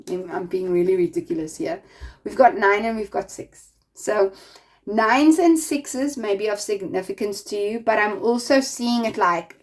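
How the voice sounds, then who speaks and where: A woman reads tarot cards to her viewers in a loose, chatty way. She rambles and fills her sentences with little fillers and tag questions. She speaks warmly and directly to the listener, urging them on, in a voice of middle pitch. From not American. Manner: chatty and rambling, full of "like" and "right?"; encouraging, speaks straight to the listener. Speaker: tarot reader. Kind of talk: casual spiritual tarot reading to viewers.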